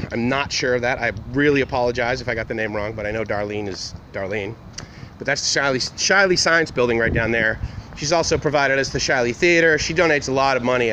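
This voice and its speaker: A male vlogger with a bright, forceful, medium-pitched voice talks casually to the camera as he walks outdoors through a university campus. He rambles and digresses, often correcting himself, and the outdoor recording is noisy with wind.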